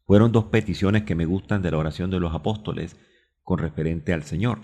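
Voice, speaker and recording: A man's voice: low voice, fairly quick, dark tone. A man with a Colombian Spanish accent preaching a radio sermon, stopping to look up Bible verses aloud and drawing out key words. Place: radio studio.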